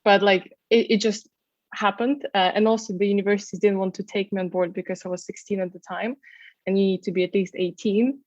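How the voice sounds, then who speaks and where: A woman's voice: mid-range voice, fairly even intonation, a little fast, darkish tone, no room sound. A young woman from Ukraine chats as an interview guest, peppering her talk with "um" and "like". The sound is dull and lo-fi, and the room is very dry. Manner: chatty, many fillers like "um" and "like". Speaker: guest, travel content creator and tour guide. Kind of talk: casual interview conversation.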